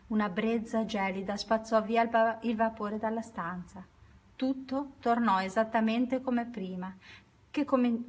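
A woman reading a children's story aloud at an unhurried pace, now and then correcting herself. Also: mid-range voice.

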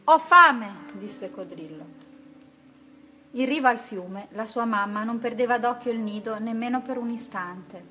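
A woman reading a children's picture book aloud in a gentle, rhythmic way. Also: a little high, a little slow, faint music behind. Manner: gentle, rhythmic, rhyming delivery. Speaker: storyteller.

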